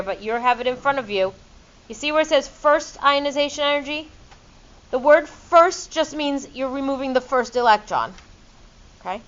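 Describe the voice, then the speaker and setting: Playful middle-aged female chemistry teacher, high voice, muffled classroom recording. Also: a bit bright. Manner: upbeat, playful teacher quizzing students. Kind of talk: classroom lecture.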